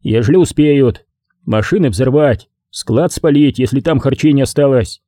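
A man voicing a gruff partisan commander barking orders. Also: medium pitch, normal speed, warm tone, no echo, clean studio sound, close to an everyday voice. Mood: gruff commanding. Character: gruff middle-aged male partisan commander.

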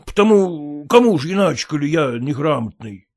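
A man voicing an illiterate, clumsy peasant who pleads in rustic, halting speech with fillers. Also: fairly high pitch, big pitch swings. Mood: pleading.

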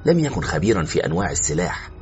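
Deep-voiced man narrating a suspense story. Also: sing-song, very fast, darkish tone. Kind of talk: dramatic audiobook narration. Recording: muffled with faint music.

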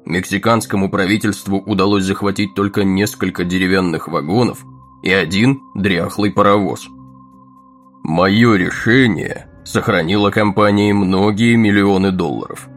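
An actor playing a smug, scheming male railroad executive who speaks in a crisp, monotone, self-assured way. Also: deep voice, moderate pace, faint music behind, natural voice.

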